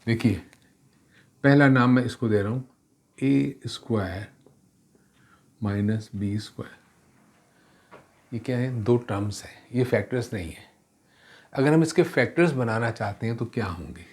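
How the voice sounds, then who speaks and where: A man's voice: medium pitch, measured pace, pauses often, a little mellow. Man teaching algebra, mixing in English. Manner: mixes Hindi with English terms, explains step by step; self-correcting, asks rhetorical questions. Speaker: math teacher. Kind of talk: classroom math lesson.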